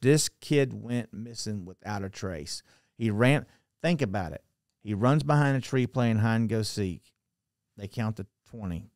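A middle-aged man telling a story on a podcast in a book-lined study, speaking into a boom mic, animated and given to restarts, his voice dropping quietly at the ends of phrases. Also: dry recording, studio quality. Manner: animated, gestures a lot, restarts and trails off quietly. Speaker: podcast guest. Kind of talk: storytelling conversation. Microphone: studio mic on a boom arm.

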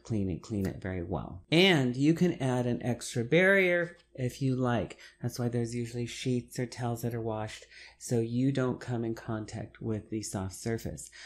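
A middle-aged man, a hairdresser, giving advice to camera while seated in a small room, stressing points by repeating words and gesturing as he talks. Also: mid-range voice. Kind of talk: talking-head advice video.

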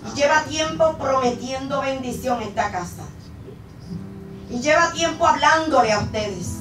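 A woman pastor, telling a story in a sermon and building to loud, fervent exhortation. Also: high-pitched, normal speed. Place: church sanctuary. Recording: echoey church room, mic at a distance, guitar behind.

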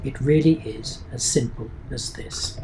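A middle-aged man narrating a sailing lesson and travel vlog in a clear, instructive way. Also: medium pitch, a little slow, mellow, slight background noise. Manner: explanatory, instructive. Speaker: sailing vlogger.

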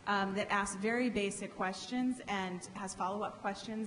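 A middle-aged woman speaking as a panelist at a conference, measured and explanatory, often restarting her phrases, into a table microphone. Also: medium pitch, a bit bright. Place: large conference hall stage. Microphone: microphone on a table stand. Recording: reverberant hall, faint background hiss.

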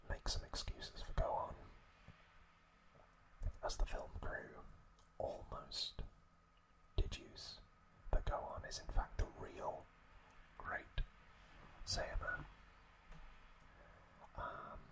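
Whispering the whole way through and taking his time, a male ASMR host recaps a story in short phrases broken by hesitant pauses. His tone is fairly bright, though the audio quality is poor.

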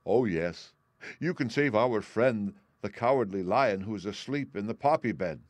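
A man's voice: fairly low pitch, expressive, normal speed, dry recording, close to an everyday voice. A man voicing a friendly, eager scarecrow in a storybook, plain-spoken and helpful. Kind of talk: audiobook character voice.

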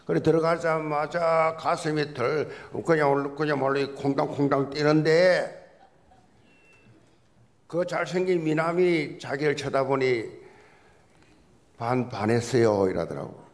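A man's voice: fairly high pitch, a little slow. A man preaching a Sunday sermon in a church, a pastor with a folksy, joking storytelling manner. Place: church sanctuary.

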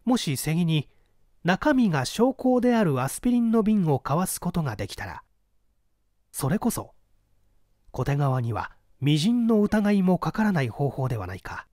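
In a fairly high and slightly mellow voice, a male audiobook reader narrates classic mystery fiction, very animated, with intonation rising and falling a great deal. His phrasing remains measured and deliberate, and the close, dry sound has no echo, typical of a literary audiobook.

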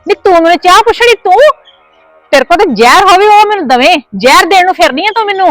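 Woman acting cursing mother-in-law, high voice, dry sound, faint music. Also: a little fast, a bit bright, no echo, poor audio. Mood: scolding. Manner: shrill, cursing, scolding. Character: scolding quarrelsome mother-in-law, shut out of the house. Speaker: actor. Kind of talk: village family drama acting.

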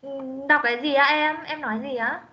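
A woman teaching an online English class, drilling pronunciation and repeating words slowly in a stern way. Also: high-pitched, steady tone. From Vietnam. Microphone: video call. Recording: muffled online meeting audio.

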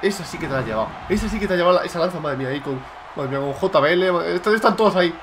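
A young man from Spain with a Spanish accent, giving loud, excited commentary on his own gameplay, shouting and swearing at his opponent. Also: a little high, very fast, background noise. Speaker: gaming YouTuber.

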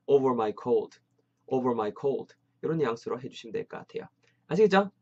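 A man teaching an online English lesson, energetic and encouraging as he drills phrases aloud. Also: medium pitch. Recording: slightly dull lo-fi sound.

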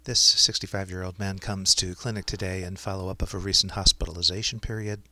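A man with a fairly low, crisp and forward voice is dictating clinical notes to software. He speaks his punctuation aloud, and the sound is close and dry. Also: level tone, fast talker, dry recording. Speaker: software demonstrator.

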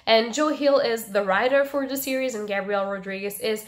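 A young woman with a stuffed, nasal voice and little voice left, chatting casually in a book review vlog and pausing to breathe. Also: fairly high pitch. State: stuffed nose, losing her voice. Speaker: book vlogger.

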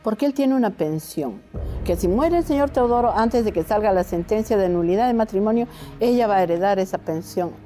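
Mellow-voiced woman giving insistent testimony. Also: medium pitch, lively intonation, a little fast, faint music behind. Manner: insistent, repetitive, with hesitant restarts. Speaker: lawyer and neighbor, show guest. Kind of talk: testimony on a talk show.

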